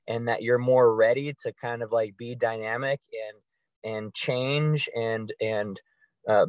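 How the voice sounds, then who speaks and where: A man's voice: medium pitch, no echo. Rambling man on a dry mic. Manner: rambling, with many fillers and restarts. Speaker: podcast co-host. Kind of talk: casual conversational chat.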